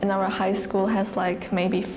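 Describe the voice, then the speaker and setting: A woman's voice: medium pitch, flat delivery, over music. A teenage girl from Germany with a German accent, speaking English in a hesitant, casual interview with small laughs. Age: teens. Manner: slow, hesitant, laughs between phrases. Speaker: exchange student interviewee. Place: studio with dark backdrop. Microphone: lapel.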